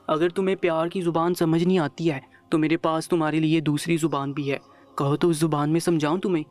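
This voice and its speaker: Brief: a stern, menacing storybook father, read by a man with a slightly high voice, over soft music. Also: flat delivery, close to an everyday voice. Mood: threatening. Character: harsh, threatening middle-aged father.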